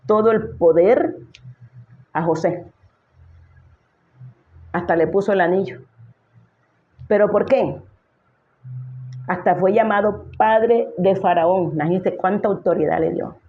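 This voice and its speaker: A woman's voice: medium pitch, dull audio. A woman pastor preaching a sermon emphatically, speaking directly to her listeners and asking them rhetorical questions.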